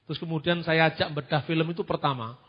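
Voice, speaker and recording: A man preaches in an animated, questioning way, his voice sitting high. The recording is muffled and lo-fi, with a long reverb from the hall. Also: quick pace. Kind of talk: sermon-style teaching.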